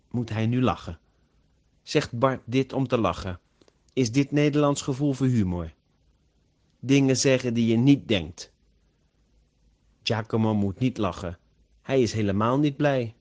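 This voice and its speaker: A man narrating a story slowly and carefully, as an audiobook for language learners. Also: mid-range voice, darkish tone. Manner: slow, carefully pronounced.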